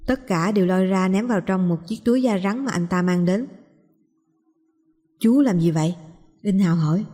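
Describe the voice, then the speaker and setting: A woman narrating a story in a steady, measured manner as an audiobook narrator. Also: mid-range voice. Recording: long reverb.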